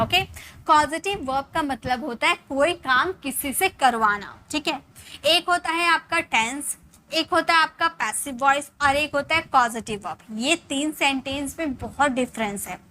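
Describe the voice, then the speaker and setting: A woman teaching an English lesson in Hindi. She reads the English examples slowly and answers her own questions. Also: sits high, pushed and bright, a little hiss or hum. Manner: slow, spelled-out reading of English example sentences; asks questions and answers them herself.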